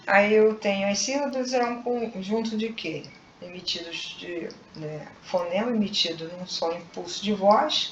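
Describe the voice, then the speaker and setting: Slow-speaking woman teacher, echoey. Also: fairly low pitch, slight background noise. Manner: patient, explaining slowly with frequent tag questions. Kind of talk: recorded online grammar lesson. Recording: echoey room, dull lo-fi sound.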